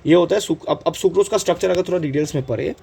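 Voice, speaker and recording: A man's voice: on the high side, creaky, dark tone, breathy edge. A man with an Indian accent teaching chemistry in an exam-prep lecture, mixing Hindi and English and checking in with "right?" again and again. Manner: switches between Hindi and English, asks "right?" constantly; slow, drawn-out on key terms.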